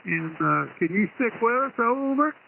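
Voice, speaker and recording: A man's voice: high-pitched, animated, moderate pace, creaky. A man running an amateur radio net over single sideband, chatting and taking check-ins in a casual, folksy, informal way. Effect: single sideband radio transmission. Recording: tinny narrowband radio signal, faint static.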